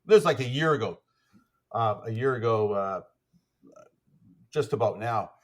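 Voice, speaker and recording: A man's voice: mid-range voice, expressive, normal speed. A man, an athletics coach, telling stories as a podcast guest in a rambling way, full of fillers and restarts. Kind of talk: casual conversational storytelling.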